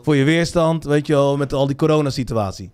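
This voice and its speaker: A man's voice: on the high side, a little fast, a little mellow, smooth, pitched below the performer's own voice, lightly acted. A man imitating a big, burly prisoner who rambles and mumbles. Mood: rambling.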